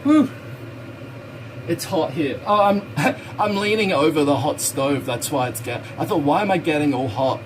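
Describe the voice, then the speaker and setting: Cooking in his home kitchen by a hot stove, a Hong Kong-born man who grew up in Australia chats loosely with viewers on his live stream, fielding their questions. His fairly high voice is expressive and normally paced. The background is noisy.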